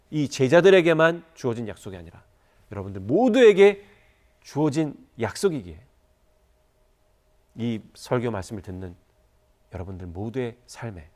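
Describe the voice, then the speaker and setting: A man's voice: medium pitch, darkish tone. A Korean man preaching a church sermon, telling a moving story and rising to fervent appeals. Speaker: pastor.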